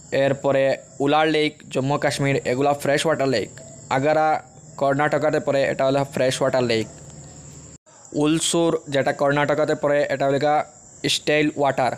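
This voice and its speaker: A man teaching an exam-prep lesson, reading through a list of facts in a plain, steady, item-by-item way. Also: on the high side, clean tone. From Assam, India.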